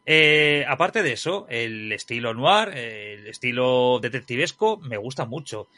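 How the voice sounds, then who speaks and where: A man co-hosting a casual film review chat, animated and repeating his points for emphasis. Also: medium pitch, measured pace, no echo. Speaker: podcast co-host reviewing a film.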